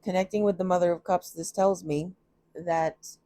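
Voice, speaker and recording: A woman with a warm, steady, fairly low voice does a chatty at-home tarot reading at a moderate pace. She reasons out loud and often laughs at herself along the way.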